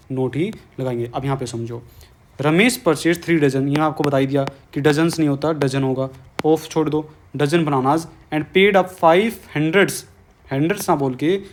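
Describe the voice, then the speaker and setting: A man's voice: fairly high pitch, a little mellow. A man with a Hindi accent teaching an exam-prep English grammar lesson, coaxing students and repeating his questions.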